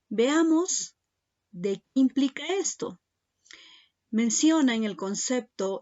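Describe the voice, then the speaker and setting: Slow, patient woman teaching a class. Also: a little high, a little mellow, highs cut off. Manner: slow, patient, addresses students directly. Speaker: secondary school teacher. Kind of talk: recorded online lesson.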